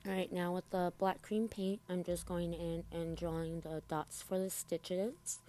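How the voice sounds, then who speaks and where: A woman narrates a tutorial in a casual, chatty way. Her voice sits slightly low, with a dark, relaxed tone. She speaks with braces in her mouth and addresses her viewers informally. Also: unhurried. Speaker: makeup tutorial host.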